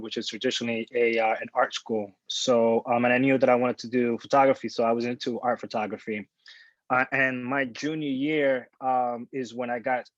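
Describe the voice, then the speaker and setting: A man's voice: mid-range voice, no room sound. Man telling his story, dull dry sound. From born in Dominican Republic, grew up in New York. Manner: relaxed and candid, with many fillers and restarts. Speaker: photojournalist. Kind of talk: casual talk at a panel. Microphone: video call.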